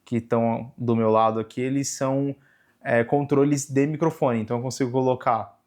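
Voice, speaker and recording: Um homem jovem com sotaque brasileiro, explicando passo a passo o menu de uma câmera num tutorial descontraído, com muitos "né" e "tá". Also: male voice, mid-range voice, normal speed. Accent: Brazilian Portuguese. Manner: relaxed, explains step by step with frequent "né" and "tá". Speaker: camera tutorial host. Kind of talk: casual hands-on tutorial. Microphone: camera microphone.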